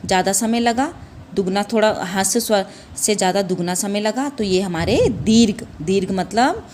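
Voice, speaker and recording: A woman's voice: medium pitch, normal speed, a little mellow, a little hiss or hum. Patient woman teaching a children's lesson. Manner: patient, repeats "ठीक है" and asks questions back; calls listeners "बेटा" and "बच्चों". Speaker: primary school Hindi teacher. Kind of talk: classroom lesson.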